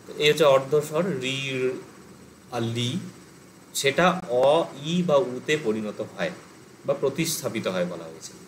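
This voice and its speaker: A man's voice: medium pitch, lively intonation, moderate pace, a little hiss or hum, poor audio. A man teaching an online language class, explaining step by step, thinking aloud with fillers. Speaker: Pali teacher.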